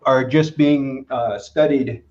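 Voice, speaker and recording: A man answering interview questions as a materials expert, halting and full of fillers. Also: mid-range voice, fairly even intonation, darkish tone. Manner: halting, many "uh" and "you know" fillers. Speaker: guest expert in materials engineering. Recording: roomy, dull lo-fi sound.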